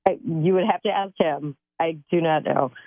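Low-voiced woman on a tinny phone line. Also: a little slow, dry recording. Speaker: person phoned on a radio show. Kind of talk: casual phone conversation. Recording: thin, narrow telephone line.

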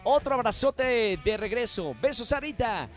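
Upbeat high-voiced Mexican radio host. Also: male voice, lively intonation, moderate pace, soft background music. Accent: Mexican Spanish. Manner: upbeat, chatty and affectionate with callers. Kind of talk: call-in radio show.

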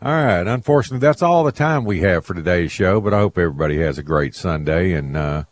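A man's voice: deep voice, expressive, quick pace, a little hiss or hum. A man hosting a call-in radio show and chatting casually with callers.

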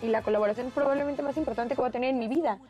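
Bubbly young Mexican woman, high voice. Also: dark tone. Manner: quick, bubbly, acts out voices in anecdotes. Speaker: interview guest, singer. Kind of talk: casual interview chat.

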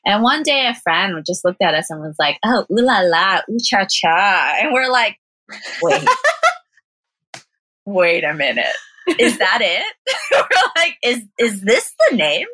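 The pitch swoops wildly in this young woman's mid-range voice, which sounds pushed and bright at a slow pace, with no room sound. A vegan cafe owner from Southern California with an American accent, she chats casually as an interview guest, laughing a lot and packing in "like."

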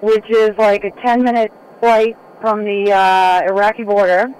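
A tired woman chatting excitedly over a crackly long-distance phone line, swearing casually as a radio show regular calling in. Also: medium pitch, normal speed, clean tone. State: tired from no sleep.

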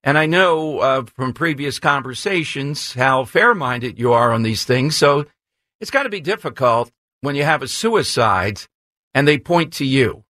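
A man's voice: mid-range voice, animated, unhurried, pushed and bright, dry recording, studio quality. An American man hosting a talk radio interview, framing his questions in a polite, discursive, conversational way. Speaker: radio talk show host. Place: radio studio.

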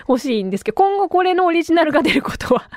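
A woman hosting a casual solo podcast, her high voice swinging up and down as she chats. She talks in an animated way and her voice is a bit tired from a long day of talking. The sound is close and dry, with no room around it. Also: racing, dry recording. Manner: chatty and animated, with frequent laughs. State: tired voice from talking too much. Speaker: radio and podcast host.

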